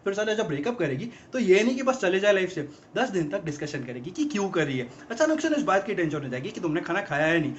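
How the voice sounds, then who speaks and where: A fast-ranting fed-up young guy. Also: sits high, very animated, slight background noise. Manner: rapid-fire exasperated rant, mocking. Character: exasperated young man ranting about girlfriends. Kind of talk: film comedy monologue. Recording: dull lo-fi film audio.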